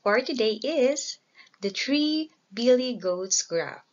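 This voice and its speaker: A woman slowly and clearly reading a simple children's story aloud as a storyteller. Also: a little high, lively intonation, dull audio. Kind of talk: slow storybook reading for learners.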